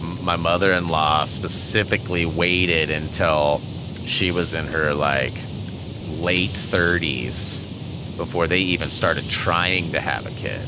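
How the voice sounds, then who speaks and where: Low-voiced man in his forties. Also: steady tone, slow pace, noisy background. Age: 40s. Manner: rambling, chuckling, with many fillers. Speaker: gaming channel host. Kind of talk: casual chat over gameplay.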